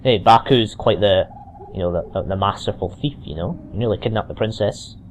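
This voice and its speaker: A man's voice: on the low side, a little fast, slight background noise. A man with a mild Scottish accent rambling through casual gameplay commentary, full of restarts and asides, on a cheap microphone. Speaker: let's play commentator.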